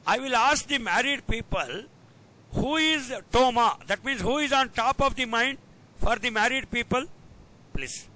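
A man's voice: measured pace, sharp tone, poor audio. A man with an Indian accent giving an informal online lecture in English and Hindi, prodding his listeners with questions and repeating key phrases. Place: indoors, on a video call. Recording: rumbly background noise on online call.

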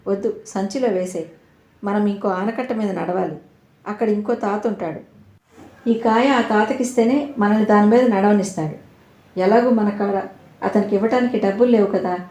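A woman's voice: mid-range voice, steady tone, moderate pace, mellow, natural voice. A woman voicing a loving, poor old grandmother who speaks in a soothing, tender way, in a roomy echoing recording. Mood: gentle. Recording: roomy echo.

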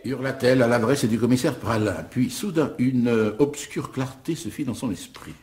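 A man's voice: medium pitch, normal speed, a little mellow, lightly acted. An actor playing a man who dictates a melodramatic story over the phone, in mock-dramatic narration. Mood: dictating.

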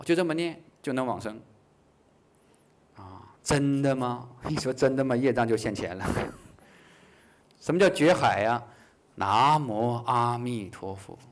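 Guy teaching a buddhist class, lively, chuckles, plays out little back-and-forths, slows way down on key phrases. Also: medium pitch. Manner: lively, acts out short dialogues, chuckles. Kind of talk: dharma lecture.

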